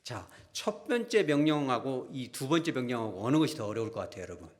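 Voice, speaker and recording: A male pastor delivers a Sunday sermon with a middle-pitched voice that swings widely as he tells the story. He acts out the voices of the people he describes and keeps turning to the congregation with questions. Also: fast talker. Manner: animated storytelling, acting out quoted voices.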